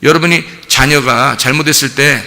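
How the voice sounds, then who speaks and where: Male pastor, sermon, gravelly forceful voice, long church-hall reverb. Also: medium pitch, moderate pace. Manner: animated preaching, acting out a parent and child with laughs. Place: church sanctuary.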